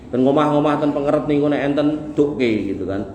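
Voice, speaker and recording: A man's voice: on the high side, brisk, a little mellow. A man with a Javanese accent preaching a sermon to a congregation in a folksy, joking way, driving points home with rhythmic repetition. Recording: echoey room with faint noise.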